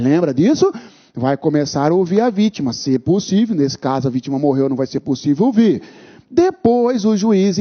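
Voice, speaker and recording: A man teaching an exam-prep law lecture, stressing key terms by repeating them and often checking in with his listeners. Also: sits high. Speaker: law instructor. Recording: dull lo-fi lecture recording.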